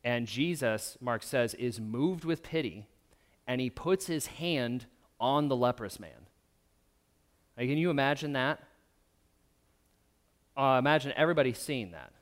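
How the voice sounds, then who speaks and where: A man preaching a sermon in a relaxed, conversational way, with frequent fillers and restarts. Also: mid-range voice, measured pace, long pauses. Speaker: pastor.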